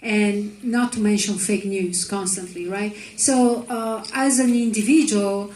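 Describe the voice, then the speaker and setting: A woman's voice: mid-range voice, fairly even intonation, a little slow, darkish tone. A woman who produced the film, answering on a panel in a hesitant way, searching for words. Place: festival screening room. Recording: echoey room with faint noise.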